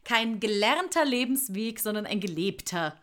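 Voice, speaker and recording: A woman's voice: medium pitch, expressive, normal speed, a bit bright. A woman interviewing a guest in a casual chat, eager and laughing along. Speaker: interviewer, host.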